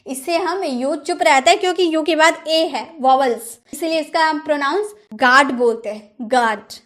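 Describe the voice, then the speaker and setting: Woman teacher, high voice, drilling pronunciation with rhetorical questions. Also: moderate pace, fairly bright tone. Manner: drills words, asks the viewer rhetorical questions. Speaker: English teacher. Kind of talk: pronunciation lesson.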